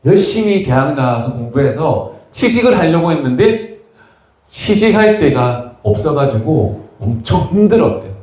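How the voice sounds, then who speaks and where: A man's voice: a little high, a little mellow. A male pastor preaching a sermon in a church sanctuary, telling humorous stories and teasing the congregation. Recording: echoey church hall.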